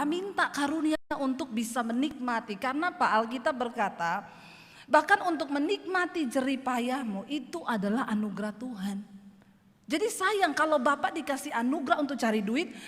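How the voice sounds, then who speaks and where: High-pitched lady pastor preaching blunt and lively, echoey church hall. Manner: blunt, animated storytelling. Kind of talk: sermon.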